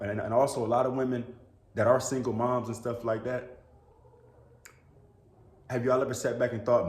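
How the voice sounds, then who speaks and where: A medium-pitched male YouTuber speaks casually to camera inside a reverberant room. Slightly ill, he sneezes between earnest, somewhat preachy remarks. He leans heavily on "bro" and "you know what I'm saying."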